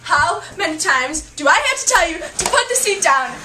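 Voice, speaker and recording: A woman's voice: extremely high pitch, sing-song, moderate pace, background noise. A young woman playing a giddy freed young wife. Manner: giddy, laughing, exclaiming. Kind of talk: amateur skit acting. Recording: echoey room from far off.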